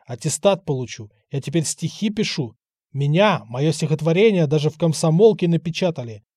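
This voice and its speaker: A man voicing an excitable, boastful young man just back from the army, talking in an eager rush. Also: on the high side, dry recording, studio quality. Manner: rushed, eager to prove himself.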